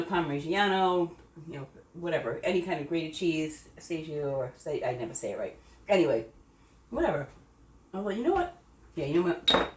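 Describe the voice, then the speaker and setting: A middle-aged woman with a low voice talks through a home cooking demo in a chatty, rambling way, correcting herself as she goes. She is recorded from a distance in an echoey kitchen with a faint hum of room noise behind her. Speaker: home cooking channel host. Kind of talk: casual cooking demo chat.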